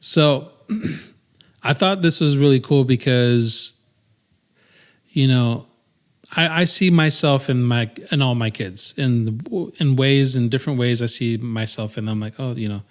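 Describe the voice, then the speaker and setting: A man's voice: medium pitch, unhurried. A man in his thirties co-hosting a podcast in casual chat, rambling with many restarts and fillers. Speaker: podcast co-host.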